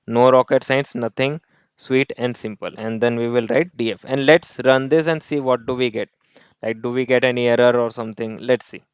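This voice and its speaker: A man's voice: medium pitch, clear, resonant tone, dry recording. A man teaching a coding lesson. He explains each step, repeats key points and drops in Hindi tag words. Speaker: coding tutor. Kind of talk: screen-recorded coding lesson.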